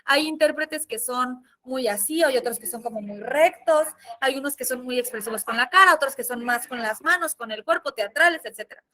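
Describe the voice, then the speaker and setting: Mexican woman teacher, high bright voice, expressive and chatty. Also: fairly quick, hardly any pauses. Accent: Mexican Spanish. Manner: lively, expressive, chatty with fillers. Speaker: sign language interpreter and teacher. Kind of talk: casual classroom lesson.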